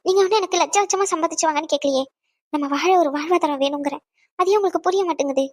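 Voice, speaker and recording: A woman's voice: very high voice, fast talker, no echo, clean studio sound. A woman voicing a proud, resentful young wife in a cartoon, answering in a cold, defiant way. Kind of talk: cartoon voice acting.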